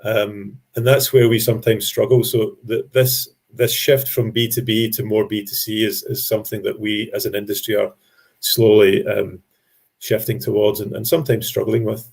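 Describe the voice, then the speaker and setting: A man giving an explanatory business presentation to an industry audience, speaking in a measured way with frequent ums and restarted phrases. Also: fairly low pitch, little pitch movement, vocal fry, a little mellow, slightly rough.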